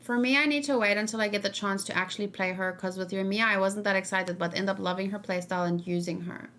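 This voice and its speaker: A woman hosting a reaction and discussion livestream chats casually, answering viewers' questions and putting questions back to them in a conversational, emphatic way. Her voice is medium to mid-range in pitch and fairly bright, with fairly even intonation and a fast pace.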